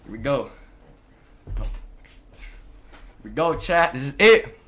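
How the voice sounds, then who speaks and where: A man's voice: mid-range voice, very animated, slow pace, a bit bright. A young man livestreaming casually, talking in hyped frat-bro slang to his chat. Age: teens to young adult. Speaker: live streamer. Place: bedroom at home, indoors.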